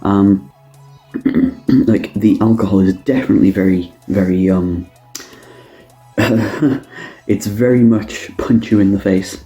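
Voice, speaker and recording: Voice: low-pitched, fairly even intonation, slow, long pauses, mellow, muffled recording, faint music behind. A casual tasting review, the speaker thinking aloud with many ums and restarts while trying a drink. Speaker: drinks taster reviewing canned cocktails.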